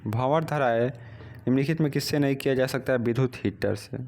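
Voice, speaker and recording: An exam practice lesson, recorded on a phone: a man with a mid-range voice moves fairly quickly, reading out questions and answering them in a steady, drilling rhythm.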